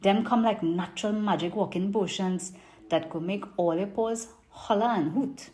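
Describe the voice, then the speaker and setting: A woman's voice: mid-range voice, moderate pace, a little mellow. Lilting woman reciting in a strong Trinidadian accent. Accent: strong Trinidadian market accent. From Trinidad and Tobago. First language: English. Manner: lilting, emphatic, rhyming market-seller delivery. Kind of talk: performed dialect poem recitation.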